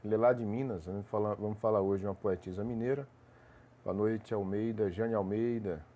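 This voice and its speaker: A man's voice: on the low side, fairly even intonation, brisk, warm tone, muffled recording. A man with a cold, sounding congested, hosting a casual live stream, greeting viewers by name as he rambles with restarts.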